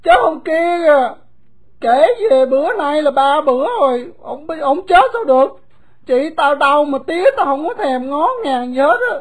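A woman doing a loud, blunt runaway boy. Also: high-pitched, moderate pace, voice pushed up, lightly acted. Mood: grieving. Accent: Southern Vietnamese. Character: grieving runaway boy Quỳ, bitter and blunt.

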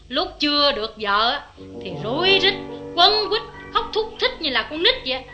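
An actress with a Southern Vietnamese accent playing an affectionate, sharp-tongued wife in a radio drama, talking in a chatty, teasing way. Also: female voice, high-pitched, expressive, measured pace, exaggerated voice. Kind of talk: vintage radio drama acting. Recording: clear music behind.

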